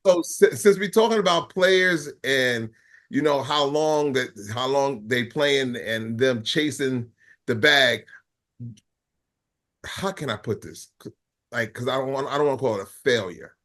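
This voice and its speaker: A man co-hosting a podcast, animated and cursing, laughing a lot and thinking aloud in casual sports talk. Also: medium pitch, a little slow. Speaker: podcast co-host.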